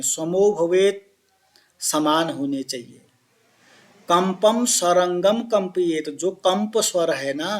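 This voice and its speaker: A man teaching Sanskrit pronunciation, explaining each point and chanting example words slowly while asking his pupils questions. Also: sits high. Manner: addresses listeners as children. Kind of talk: classroom explanation of Sanskrit phonetics.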